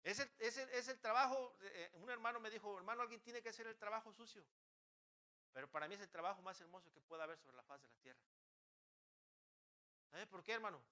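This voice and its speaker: A fast-talking pastor preaches a sermon in church, his voice high, bright and edged with force. He presses listeners with passionate rhetorical questions, stumbling over phrases and beginning them anew.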